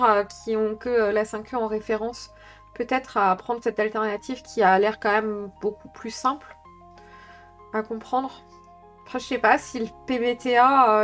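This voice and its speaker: A woman chatting casually on a live stream, thinking aloud with many fillers as she talks through tabletop games. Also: a little high.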